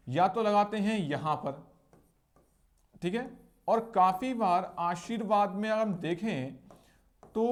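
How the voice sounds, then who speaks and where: High-voiced man teaching a spelling lesson. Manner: explaining, asking and answering his own questions; repeats words slowly to show spelling and pronunciation. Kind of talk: exam-prep lesson.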